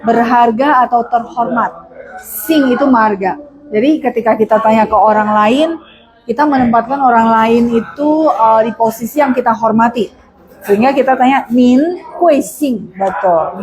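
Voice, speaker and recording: A woman teaching Mandarin in an online class, patiently explaining and modeling polite phrases slowly. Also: fairly high pitch, poor audio. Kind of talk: online language lesson.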